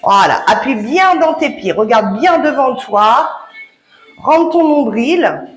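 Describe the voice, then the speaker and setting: High-voiced chatty French fitness coach woman. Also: expressive, takes it slowly. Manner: chatty, encouraging, laughs often. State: slightly out of breath. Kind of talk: home workout instruction. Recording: echoey room with background music.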